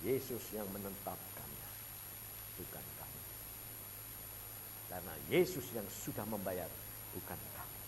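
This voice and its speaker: A male pastor preaching a sermon in a dramatic manner, swinging from shouts to hushed low tones. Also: expressive, unhurried, pauses often. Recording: long hall reverb, faint hum.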